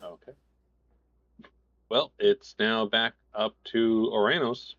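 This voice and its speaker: A man's voice: lowish voice, fairly even intonation, takes it slowly, a bit bright, no echo. A man casually narrating and explaining a tabletop game as game master, in a conversational way. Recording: dull lo-fi voice recording.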